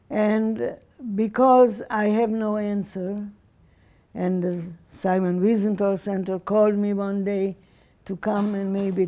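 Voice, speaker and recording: A woman in her nineties gives a personal testimony as a survivor and lecturer, speaking haltingly with pauses and restarts. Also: medium pitch, dark tone. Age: 90s.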